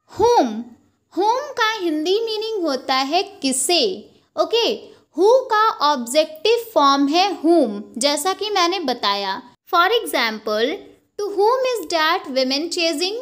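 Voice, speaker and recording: High-voiced young woman teaching grammar slowly. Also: big pitch swings, a bit bright. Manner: slow, explanatory, repeats points with "ok" and "theek hai". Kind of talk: slide-based lesson, Hindi with English terms.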